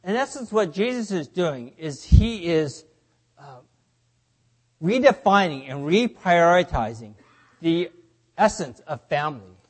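A high-pitched man gives a sermon in short bursts, then pauses while an interpreter translates. His delivery is measured and plain, and each phrase is kept brief so it can be handed on. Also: lively intonation, husky. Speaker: preacher.

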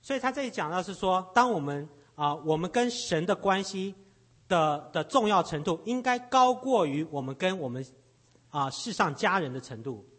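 A husky, fairly high-voiced man interprets a sermon phrase by phrase. He halts and repeats words as he works out each line, keeping pace with the preacher. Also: lively intonation, moderate pace, a bit bright. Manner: hesitant, repeats words while searching for phrasing.

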